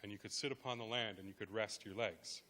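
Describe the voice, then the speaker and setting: A calm, commanding Creator spirit gives instructions slowly and deliberately, as a man voices it while telling a legend. The voice is bright and clear. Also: on the low side, voice pushed down. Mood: instructive. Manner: measured and deliberate.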